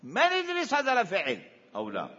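A man's voice: sits high, huge pitch swings, fairly quick, bright, forceful tone. A man with an Iraqi accent giving a seminary lecture on Islamic law, questioning and repeating his points for emphasis. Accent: Iraqi Arabic. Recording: echoey hall, dull lo-fi sound.

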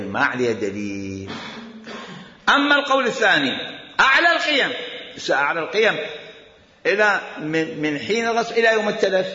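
A man's voice: medium pitch, sharp tone. A man with an Iraqi accent teaching Islamic law, arguing his point, repeating quoted commands and firing off rhetorical questions. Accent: Iraqi Arabic. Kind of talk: jurisprudence lecture. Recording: echoey hall, dull lo-fi sound.

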